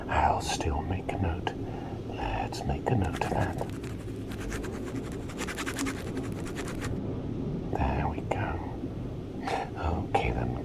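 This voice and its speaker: Man doing a slow whispered role-play plague doctor. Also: rumbling low, vocal fry, full character voice, low-quality recording. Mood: curious, attentive. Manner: soft, unhurried, gently repetitive and formal. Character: courteous, inquisitive plague doctor soothing a patient. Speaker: ASMR performer.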